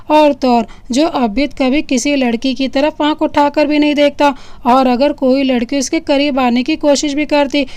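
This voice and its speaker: A woman narrating a romantic drama story in an expressive, dramatic way. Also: high-pitched, no echo.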